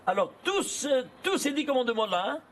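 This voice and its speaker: A man giving an animated lesson, asking questions and answering them himself in rapid bursts. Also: extremely high pitch, a little hiss or hum. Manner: animated, asks and answers his own questions. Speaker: Torah teacher. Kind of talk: lively lesson on gematria.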